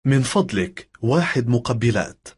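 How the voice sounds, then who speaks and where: A man, reading lesson phrases in a measured, careful way. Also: medium pitch, expressive, breathy edge. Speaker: language lesson speaker.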